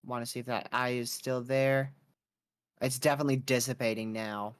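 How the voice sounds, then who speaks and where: Male weather stream host, mid-pitched voice, casual and unscripted live storm updates. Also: fairly even intonation, normal speed, clean tone.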